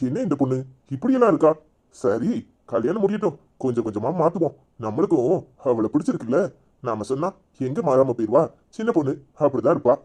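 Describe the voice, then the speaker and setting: A man voicing a fast-talking young groom. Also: medium pitch, very animated, dark tone, slight background noise, close to an everyday voice. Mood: musing. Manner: coaxing, lecturing. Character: mother-obeying young groom-to-be. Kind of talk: cartoon voice acting.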